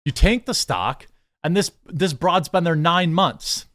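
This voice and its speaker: An American commentary show host reads news articles aloud and reacts with blunt, sarcastic, exasperated asides, offering opinionated takes. His voice is a little high and a bit bright, expressive, and measured in pace.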